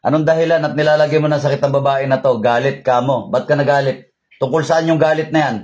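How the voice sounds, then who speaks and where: A man's voice: mid-range voice, fairly even intonation, fast talker, darkish tone. A man leading a remote healing prayer over a call, chanting prayers and then questioning a spirit in a commanding voice, repeating his questions. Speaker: faith healer.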